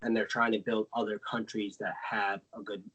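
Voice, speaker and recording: A man's voice: fairly low pitch, little pitch movement, normal speed, fairly bright tone, breathy edge, muffled recording. A man from the United States co-hosting a casual podcast, explaining at length with many fillers and self-corrections. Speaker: podcast co-host.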